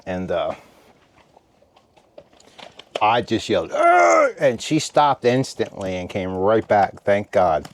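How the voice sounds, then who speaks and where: A tired, relaxed man chatting casually to his viewers from inside a heated tent at night, rambling and stopping to talk to his dog. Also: on the low side, takes it slowly, long pauses, a little hiss or hum. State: tired after a meal. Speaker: camping vlogger. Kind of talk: casual vlog chat.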